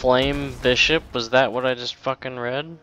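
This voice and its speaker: A man's voice: mid-range voice, fairly even intonation, normal speed, fairly bright tone, soft background music. A man giving casual, rambling commentary over a video game, swearing often and mocking himself. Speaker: let's play gamer.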